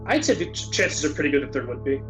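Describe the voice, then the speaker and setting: A man narrating a tabletop game as game master, relaxed, often laughing and repeating words as he sets the scene. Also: a little high, quick pace, echoey room, loud music behind the voice, low-quality recording.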